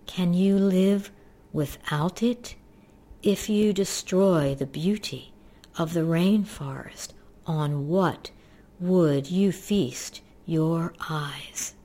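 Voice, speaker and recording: A woman voicing a lazy female sloth from a storybook, drawling in a deep, breathy voice. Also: dark tone. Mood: languid. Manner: drawling, drawn-out words. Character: slow, lazy female three-toed sloth, gently questioning. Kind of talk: storybook character voice.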